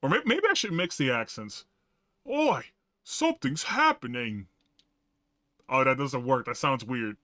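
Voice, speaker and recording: A man's voice: mid-range voice, very animated, a little fast, few pauses, bright, forceful tone, no echo. A man streaming a video game, talking to chat in a rambling, casual way with many fillers and some swearing. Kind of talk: casual gaming stream commentary.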